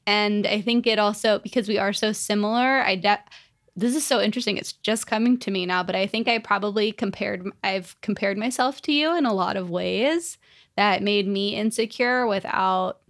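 Chatty young woman, mid-pitched voice. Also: moderate pace. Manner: chatty, reflective, many fillers. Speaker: podcast co-host. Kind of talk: casual conversation.

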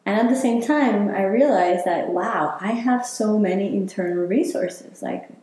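Woman being interviewed, slow and reflective, lots of like and you know, really echoey room. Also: medium pitch, darkish tone. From Chile. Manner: reflective, talks with many fillers. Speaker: interviewee, healer. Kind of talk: casual interview.

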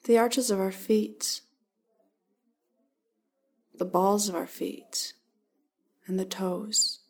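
Leading a body-scan meditation very slowly, a woman gives soft, calm directions in short phrases with pauses between them. Her voice is mid-range with a breathy edge.

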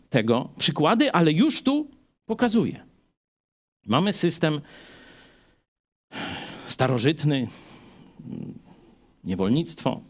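A man preaching a chatty Bible study sermon, full of rhetorical asides and questions to the listeners. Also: mid-range voice.

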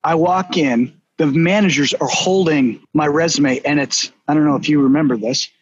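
A man with a Boston accent hosting a casual business chat, telling stories in an animated, emphatic way. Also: fairly high pitch, normal speed, slightly rough. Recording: dull, slightly lo-fi.

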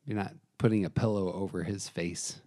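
A man's voice: low-pitched, fairly even intonation, moderate pace, dark tone. A man co-hosting a casual film discussion, narrating scenes and commenting on them. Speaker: co-host.

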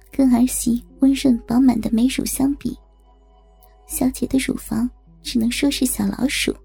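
High, breathy woman narrating a story. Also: warm tone.

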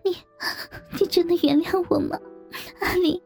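A woman's voice: extremely high pitch, fairly even intonation, normal speed, vocal fry, darkish tone, soft background music, voice pushed up. A woman playing a tearful, stammering young man. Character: timid young husband, tearful and contrite.

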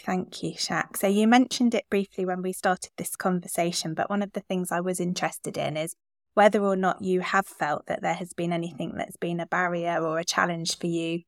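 A woman's voice: lowish voice, no room sound, studio quality. A middle-aged woman hosting a conversational interview, responding in an affirming, reflective way. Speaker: podcast host, interviewer.

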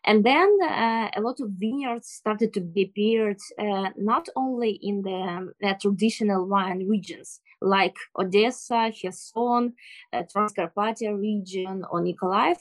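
A woman with a Ukrainian accent explaining things in an interview in careful, halting English, often searching for words. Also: medium pitch, no echo, rough recording. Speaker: interview guest.

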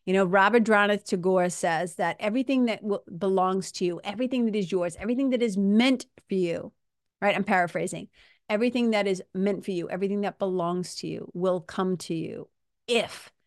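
A woman who hosts a podcast and works as a coach gives listeners a casual, emphatic pep talk in informal, salty language. Her voice is medium-pitched at normal speed, recorded in studio quality with no room sound.

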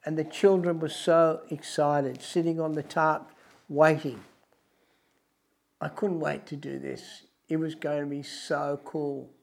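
An Australian man presenting as a wildlife host, telling adventure stories in a deliberate, emphatic, dramatic way, with music behind him. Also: fairly high pitch, little pitch movement, creaky, darkish tone.

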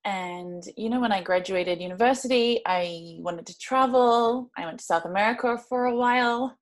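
A woman's voice: fairly high pitch, normal speed. A young adult woman from New Zealand, a podcast guest telling her story in a friendly way. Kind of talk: casual podcast interview.

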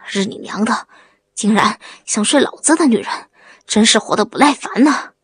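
Casting: woman voicing a young village man, timid act hiding cunning, husky, dry audiobook sound. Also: a little high, moderate pace, no room sound. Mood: furious. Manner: timid stammering act, cold when angry.

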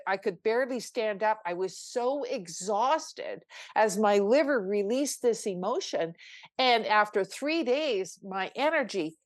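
A woman's voice: fairly high pitch, no room sound, clean studio sound. An older woman, a spiritual coach, telling a personal story on a podcast in an earnest, emphatic way, with frequent restarts.

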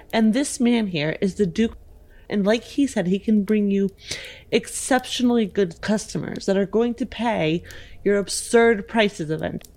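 A woman's voice: medium pitch, darkish tone. A woman playing in a tabletop game, haggling in character in a cheeky, teasing and persuasive way. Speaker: player.

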